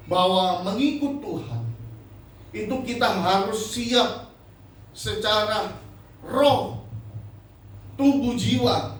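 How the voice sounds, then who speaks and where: A middle-aged man preaching a sermon as a pastor, emotional, his voice swinging from loud to hushed, speaking into a handheld microphone in a church hall. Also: high-pitched, a little hiss or hum. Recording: echoey hall, from far off.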